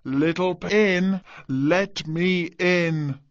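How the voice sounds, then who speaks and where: A woman voicing a slow, good-natured male wolf in a storybook, calling out in long drawn-out words. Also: on the low side, no room sound, highs cut off.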